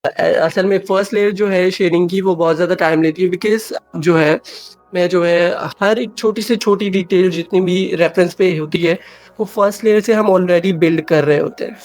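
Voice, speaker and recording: A man's voice: high voice, a little mellow, no room sound. A man narrating a drawing tutorial, switching between Hindi and English with many fillers and restarts.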